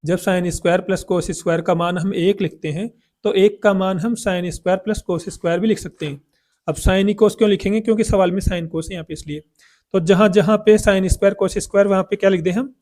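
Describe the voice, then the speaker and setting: Man teaching math, pretty high voice, asks stuff then answers it. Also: a little mellow. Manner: asks questions and answers them himself. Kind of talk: blackboard math lesson.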